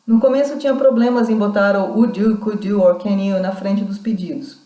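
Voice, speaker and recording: A woman lecturer talks through a recorded class with a warm, mellow voice. She explains carefully and often restarts her sentences. The room around her sounds echoey. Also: mid-range voice, fairly even intonation, moderate pace, highs cut off. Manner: explanatory, reads out quoted accounts, many restarts. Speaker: university lecturer.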